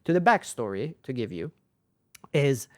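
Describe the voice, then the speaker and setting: A young adult company founder, raised in Sweden with Persian as his first language, tells his story as a guest in a casual interview. Animated and using tag questions, he repeats phrases for emphasis in a mid-range voice at a moderate pace, recorded in studio quality with no room sound.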